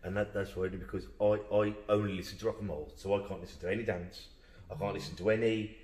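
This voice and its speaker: A man's voice: low-pitched, fairly even intonation, fast, darkish tone. A man hosting a podcast, talking in an enthusiastic, rambling, jokey way. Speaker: podcast host. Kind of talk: casual podcast chat. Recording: roomy echo.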